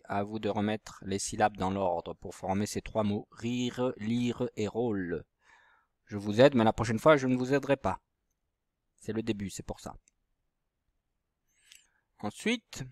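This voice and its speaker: A male primary school teacher with a medium-pitched voice patiently guides young children at home through handwriting and reading exercises, step by step. The studio-quality sound has no echo, captured on a computer mic as he writes with the mouse.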